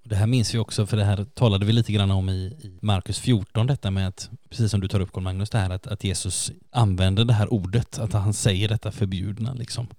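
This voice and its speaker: Mellow low-voiced podcast host. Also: male voice, hardly any pauses, no echo. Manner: orderly, lists points, calm. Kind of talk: explanatory podcast talk.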